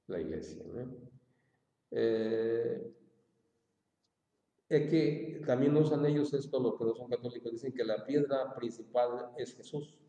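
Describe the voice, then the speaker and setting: A man's voice: mid-range voice, warm tone, lo-fi sound. Man teaching Bible in an echoey hall. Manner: plain, repeats points, many fillers and "¿ya?" checks. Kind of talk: informal Bible class.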